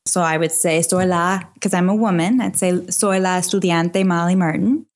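Woman physician guest, lowish voice, casual and patient, slows down to teach phrases. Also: fairly even intonation. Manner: teaching phrases slowly with frequent laughs. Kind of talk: casual interview answers.

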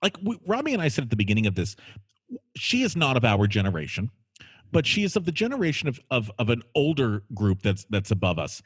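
Animated, slightly husky male host. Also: medium pitch, brisk. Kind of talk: conversational podcast interview.

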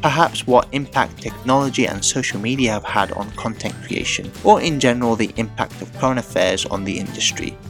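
A man hosting an interview podcast, introducing the show and asking questions in a relaxed, conversational way. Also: mid-range voice, brisk, gravelly, hardly any pauses, faint music behind. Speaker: podcast host.

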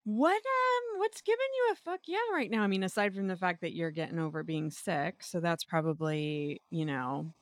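A woman's voice: lowish voice, animated, normal speed, few pauses, no echo, studio quality. A woman hosting a podcast, opening the show and chatting casually, laughing often and backing up her co-host. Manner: warmly laughing, supportive interjections. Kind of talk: casual chat.

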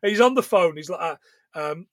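Lively, high-pitched sweary man. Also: brisk, dry recording, studio quality. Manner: animated, sweary, laughs a lot. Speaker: podcast co-host recapping a film. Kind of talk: casual chat.

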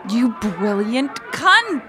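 A woman's voice: fairly high pitch, very slow, heavily acted. An actress playing a crude, upbeat hungover young woman who swears freely. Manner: brash, profane, animated.

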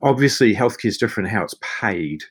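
A man's voice: fairly low pitch, animated, brisk, husky. A man with a broad New Zealand accent giving conversational answers as a podcast guest. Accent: broad New Zealand (Kiwi). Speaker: podcast guest, chief medical officer and physician.

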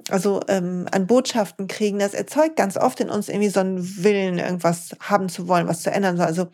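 A woman hosting a podcast, talking eagerly about yoga and slowing down to guide listeners through breathing exercises. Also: medium pitch, steady tone, darkish tone. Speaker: podcast host and yoga teacher.

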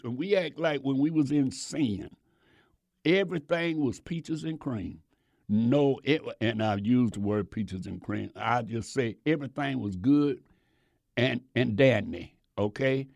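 A man preaching a sermon, repeating his phrases and swinging between loud bursts and low asides. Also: gravelly, no echo. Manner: preaching with sudden shouts and drops, repeats phrases.

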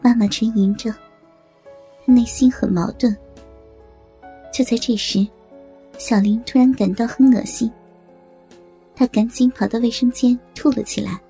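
A woman's voice: on the high side, steady tone, measured pace, creaky, long pauses, warm tone, faint music behind. A woman reading a dramatic family story aloud as a storyteller. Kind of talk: scripted story narration.

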